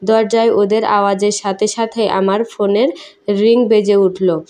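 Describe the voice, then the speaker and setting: A woman narrating a first-person emotional story in a steady, measured reading. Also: mid-range voice.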